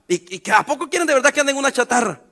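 A middle-aged pastor preaching a sermon in a joking, sarcastic, colloquial manner. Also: male voice, very high voice, expressive, racing, sharp tone.

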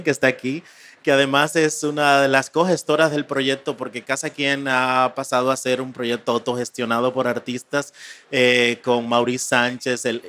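A man speaks as a guest curator on a live panel at an art fair. His voice sits at a middle pitch for a man. He answers in a measured way and hesitates often. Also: fairly bright tone.

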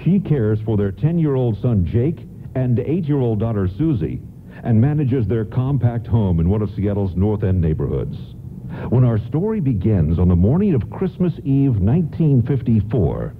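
A man narrating a scripted radio play in a measured storyteller's manner. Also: on the low side, phone-quality sound. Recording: band-limited vintage radio sound, faint noise.

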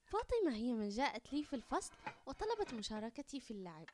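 A woman voicing a shy schoolgirl who speaks softly and sounds childlike. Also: fairly high pitch, very animated, quick pace, a little hiss or hum, pitched above the performer's own voice. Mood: cheerful. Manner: soft-spoken, childlike. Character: shy dark-skinned schoolgirl.

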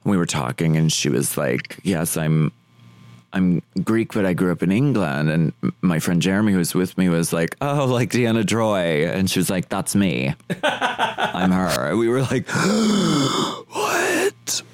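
A man's voice: low-pitched, very animated, unhurried, no echo. A man being interviewed as a drag performer, chatting casually and rambling with lots of "like" fillers.

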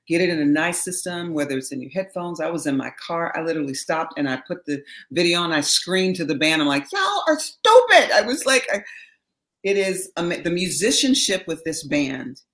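A middle-aged woman, a singer, chatting as an interview guest, telling animated stories and acting out quotes with laughter. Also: low-pitched, brisk. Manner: animated storyteller, laughs often, acts out quotes. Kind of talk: casual interview chat.

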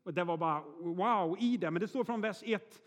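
In a big church hall, a high-voiced male pastor delivers his sermon as chatty storytelling. He keeps saying "eh" and checks in with listeners using "är ni med?".

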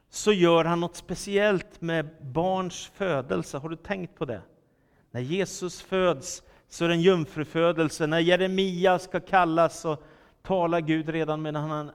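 A man's voice: a little high, a bit bright. A man preaching a sermon in an earnest, emphatic way, reading Scripture aloud and drawing lessons from it. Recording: long church reverb.

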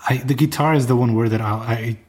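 Fast and a little mellow, this medium-pitched, steady-toned voice belongs to a young adult man who speaks Portuguese as his first language and comes from Brazil or Portugal. He rambles enthusiastically in casual chat, restarting sentences frequently.

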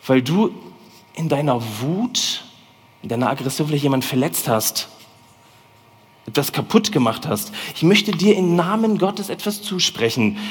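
A man preaching a lively, colloquial sermon in a church hall, speaking directly to the congregation. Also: a little high, husky. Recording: long hall reverb.

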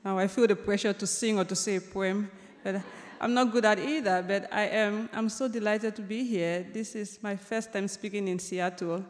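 A young Cameroonian author tells a personal story on stage in a large lecture hall, speaking at medium pitch with light humor and many ums and restarts. The recording carries the long reverb of the big hall plus slight background noise.

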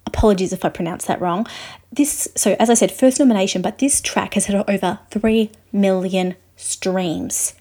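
A woman's voice: mid-range voice, moderate pace, dark tone. Woman host talking between clips, chatty and upbeat. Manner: chatty, enthusiastic. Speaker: show presenter. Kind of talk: linking narration.

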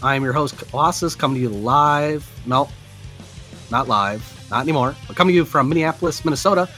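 A man's voice: medium pitch, a little fast, sharp tone, faint music behind. A man hosting a podcast in a casual, chatty style. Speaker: podcast host.

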